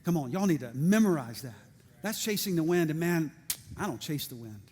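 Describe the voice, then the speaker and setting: A middle-aged male pastor preaching a sermon, energetic and lively, with joking asides and calls to the congregation. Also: a little high, a little fast, slightly rough. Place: church sanctuary. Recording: reverberant church hall.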